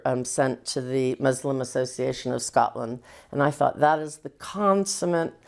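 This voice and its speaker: Very low-voiced woman reminiscing. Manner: warm, hesitant storytelling with soft laughs. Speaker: guest. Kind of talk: reminiscing conversation.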